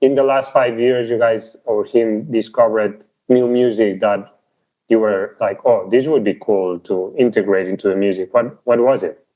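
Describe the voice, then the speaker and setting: A man's voice: lowish voice, steady tone, normal speed. Man interviewer on a dull lo-fi line. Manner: attentive, frequent mm-hmms, hesitant questions with uhs. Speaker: interviewer, channel host. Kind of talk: casual interview chat. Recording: dull lo-fi audio.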